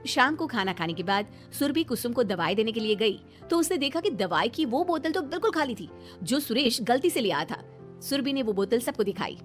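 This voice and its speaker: A woman with a high voice tells a cartoon moral story. She reads it out plainly and evenly, like a storybook. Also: animated, a little fast, soft background music. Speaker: story narrator. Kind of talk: storybook narration.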